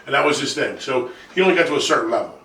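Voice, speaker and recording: A male podcast host who talks fast and tells stories with energy. His voice has a bright, forceful edge. He sits back from the mic in a roomy, echoing space. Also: medium pitch, gravelly, far from the mic. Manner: quick, energetic storyteller. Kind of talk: casual interview chat.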